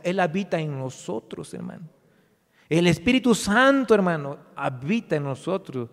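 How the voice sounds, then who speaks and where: A man's voice: on the high side, gravelly, big-room sound. A man preaching a sermon to his congregation, stressing his words and sometimes mocking the voices of his listeners. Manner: preaching with rising emphasis and mock voices. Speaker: pastor.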